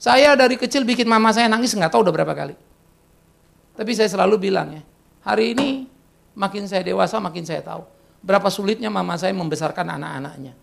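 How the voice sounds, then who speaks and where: A middle-aged pastor preaches to young people in a lively, joking way. His voice sits high for a man and has a gravelly edge. He drops into slangy asides now and then. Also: fast. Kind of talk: sermon to youth.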